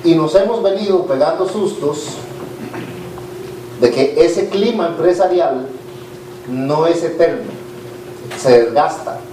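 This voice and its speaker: A middle-aged Costa Rican businessman talks to a conference audience in an informal, candid way, often pausing on "eh". His voice sits a little high and reaches the mic from a distance. The hall rings with echo and there is a faint hiss behind him. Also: warm tone. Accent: Costa Rican Spanish. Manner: informal and candid, frequent "eh" fillers and restarts. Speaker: business leader giving a conference talk. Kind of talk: conversational speech to an audience.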